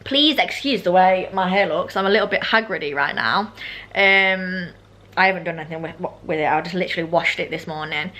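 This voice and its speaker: Speaking briskly with a sharp tone, this young British vlogger chats in a rambling, self-interrupting, informal way. Her voice is lowish, and braces with elastic bands give her speech a slight slushiness.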